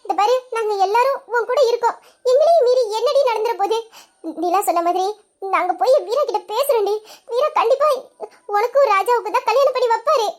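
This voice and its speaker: A woman's voice: extremely high pitch, a little fast. A woman voicing a caring young woman who comforts a crying friend in an audio drama, speaking in a soothing, coaxing way. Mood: comforting.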